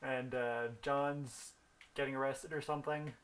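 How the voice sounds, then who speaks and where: A man's voice: medium pitch, little pitch movement, unhurried, a bit bright. A young man rambling through a story while thinking aloud about the game he is playing. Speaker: gaming video host. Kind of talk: casual gameplay commentary.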